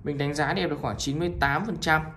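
Northern Vietnamese man giving a sales pitch. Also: steady tone, fast, bright, forceful tone, slight background noise. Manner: repetitive, item-by-item selling with frequent appeals to viewers. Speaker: phone shop seller. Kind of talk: informal sales pitch, showing products one by one.

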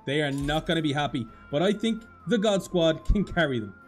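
A man giving excited, dramatic, self-mocking commentary while playing a video game. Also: a little high, fairly quick, faint music behind. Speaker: gaming YouTuber.

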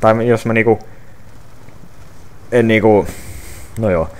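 A man's voice: on the low side, a little mellow. A young man reading viewer questions off his phone and answering them casually, with many fillers and restarts. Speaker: gaming channel creator answering viewer questions.

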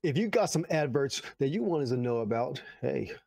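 A man's voice: medium pitch, animated, brisk, creaky, darkish tone, dry recording. A man co-hosting a reaction channel, joking around in laid-back casual chat. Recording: dry close recording.

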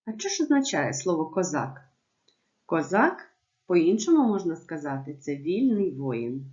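A woman teacher giving a remote lesson to young pupils, with clear, measured instructions. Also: lowish voice, sing-song, a little mellow, dull audio. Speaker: primary school teacher.

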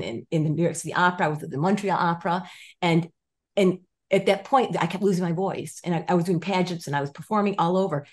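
A woman in her fifties joins a video call as a guest from an indoor home room with a stone wall. In a lowish voice she tells her story during a casual interview, gesturing, restarting sentences, and acting out quoted voices with animation.

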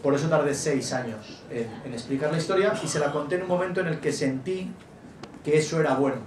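Animated middle-aged man, echoey hall. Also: fairly high pitch, fairly quick. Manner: animated, jokey, acts out quotes. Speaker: author guest. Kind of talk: relaxed storytelling talk. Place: event hall before an audience. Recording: echoey venue, distant mic, faint noise.

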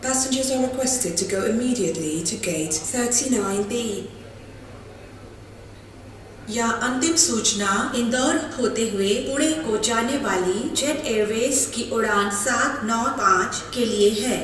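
A woman making a formal, measured airport announcement over a public address system. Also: fairly high pitch. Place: large airport departure hall, heard over loudspeakers. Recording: echoey airport PA from far off, hiss.

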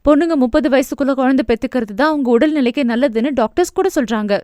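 A woman's voice: sits high, quick pace, dark tone, dry recording, clean studio sound, close to an everyday voice. A woman voicing a hopeful young wife in an audio novel, talking in a raised, eager and pleading voice.

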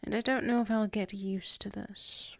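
Close-miked and echo-free, a woman roleplays a tsundere werewolf, flustered and submissive, in intimate ASMR, with halting murmurs and frequent whispers. Her mid-range voice is steady with vocal fry, close to an everyday voice. The mood is hesitant and intimate.

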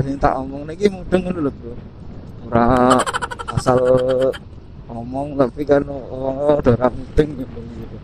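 Riding a motorbike along country roads, a man with a Central Javanese accent vlogs casually, joking, laughing a lot and talking to himself. His voice is fairly high, and the low-quality recording is full of loud wind and engine noise.

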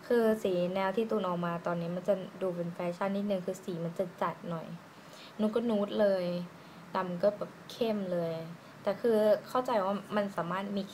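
A woman doing a casual lipstick swatch review, chatty and giggly, musing aloud with drawn-out fillers. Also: mid-range voice, fairly even intonation, darkish tone. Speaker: beauty vlogger. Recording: noisy room ambience.

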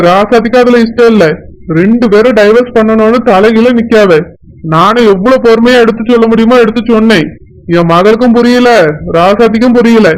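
A man's voice: very high-pitched, clean tone, rough recording. A man voicing a weary, henpecked middle-aged village husband in a cartoon, resigned and soothing, with a Tirunelveli Tamil accent.

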